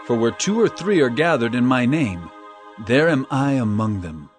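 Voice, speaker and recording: An actor playing Jesus as an earnest, emphatic teacher of solemn parables in a dramatized scripture reading. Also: male voice, mid-range voice, lively intonation, moderate pace, faint music behind, lightly acted. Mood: solemn, admonishing.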